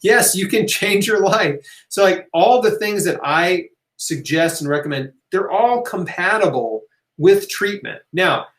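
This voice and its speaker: This host of a live health Q&A has a somewhat high, fairly bright voice and speaks casually and with emphasis, cheering listeners on and circling back to key phrases. His tone is chatty, punctuated by "right?" and "okay?", and the recording carries an echoing room sound.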